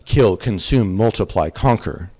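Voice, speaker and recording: A man voicing a cruel, clawed goddess of endless hunger, chanting her commands slowly and starkly in a recited poem. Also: fairly low pitch, lively intonation, warm tone, in a large hall. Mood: grim. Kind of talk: poetry recitation.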